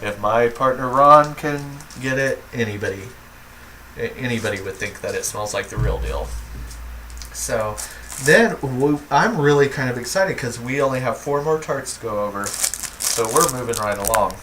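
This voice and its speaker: A man talks in a chatty, enthusiastic way, piling up fillers as he rambles on. His voice sits at a middling pitch. It sounds like a camera mic in a home room, with a faint hum in the background. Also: lively intonation, moderate pace, fairly bright tone, low-quality recording. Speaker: vlogger. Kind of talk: casual chat.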